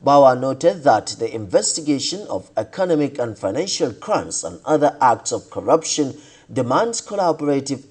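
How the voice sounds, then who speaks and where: Nigerian man reading a lively news report. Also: medium pitch, breathy edge. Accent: Nigerian English. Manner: measured formal delivery. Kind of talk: scripted news voice-over.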